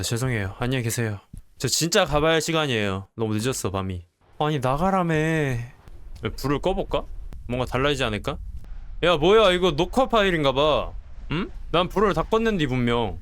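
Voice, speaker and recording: A young man narrating a horror game as he plays, joking and swearing, and yelling when he gets startled. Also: medium pitch. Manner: jumpy, swears and yells when startled, jokey asides. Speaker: gameplay streamer. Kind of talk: horror game let's play commentary.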